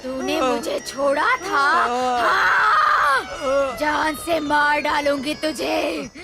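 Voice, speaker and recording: A gravelly, vengeful ghost. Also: female voice, high-pitched, animated, very slow, loud music behind the voice, exaggerated voice. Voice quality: gravelly, shouting threats. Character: vengeful female ghost, merciless and furious. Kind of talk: Hindi film dubbing. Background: loud film score.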